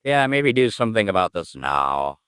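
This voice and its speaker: A man's voice: on the low side, big pitch swings, moderate pace, fairly bright tone, clean tone, no room sound, studio quality. A man thinking aloud as he works through code, muttering, humming and trailing off as he goes. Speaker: programmer streaming his coding work. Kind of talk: casual think-aloud coding session.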